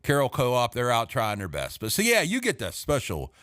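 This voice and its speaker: Bright, lively middle-aged man hosting a podcast. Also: medium pitch, moderate pace, clear, resonant tone. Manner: jokey, rambling, laughs at his own jokes. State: tired, running on energy drinks. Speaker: podcast host. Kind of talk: casual late-night chat with corny jokes. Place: home basement studio.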